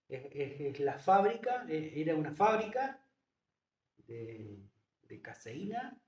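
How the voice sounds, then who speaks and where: A man's voice: fairly high pitch, darkish tone. A man, a guest in a casual interview, who talks hesitantly with many fillers and restarts. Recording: echoey room, distant mic.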